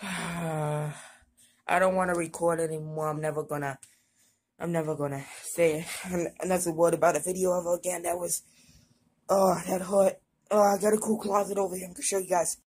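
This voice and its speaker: A woman vlogging casually while in burning pain from a hot pepper, stammering and halting with many fillers. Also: lowish voice, steady tone, a little mellow, breathy edge. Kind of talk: casual vlog.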